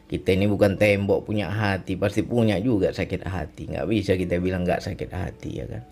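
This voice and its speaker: A married man giving a reflective religious testimony, speaking slowly and often repeating phrases and asking "right?" as he tells of his illness and recovery. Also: low voice, vocal fry, darkish tone. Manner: reflective, repetitive, often ends with "ya kan". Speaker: speaker sharing a personal testimony.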